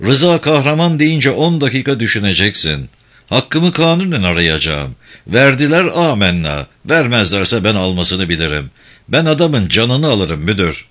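A man's voice: fairly low pitch, sing-song, a little slow, a bit bright. A man playing a proud, stubborn old notable. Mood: defiant. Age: older. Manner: haughty, defiant. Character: proud elderly local notable, stubborn and threatening.

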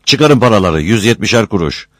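A man voicing a loud, bossy foreman who hurries his work crew along with commands. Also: lowish voice, expressive, brisk, no echo, pitched above the performer's own voice. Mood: urging.

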